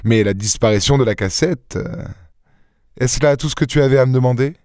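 A man reading an audiobook and voicing a suave gentleman thief with an airy, teasing, self-assured manner. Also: medium pitch, fairly quick, dry recording, clean studio sound, pitched above the performer's own voice, close to an everyday voice. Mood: teasing, triumphant.

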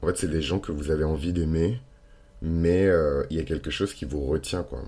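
A man with a gravelly morning voice and vocal fry, talking casually and hesitantly as a podcast host, with slangy turns of phrase. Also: a bass voice, steady tone, a little fast, warm tone. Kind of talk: casual unscripted monologue.

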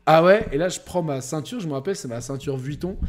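Rambling, slightly high-voiced young man. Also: fast talker. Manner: crude, rambling, animated with many fillers. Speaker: podcast co-host. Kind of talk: casual storytelling chat.

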